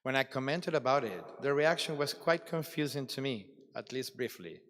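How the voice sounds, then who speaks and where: A man giving a formal, reflective address at a conference closing ceremony, with deliberate dramatic pauses. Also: mid-range voice, expressive, fairly bright tone. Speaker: ceremony speaker. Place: large hall at a ceremony. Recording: long reverb of a large hall.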